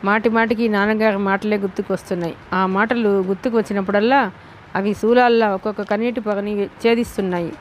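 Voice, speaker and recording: A woman narrating a novel in the first person as an audiobook, with a steady, emotive reading. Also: medium pitch, brisk, slight background noise.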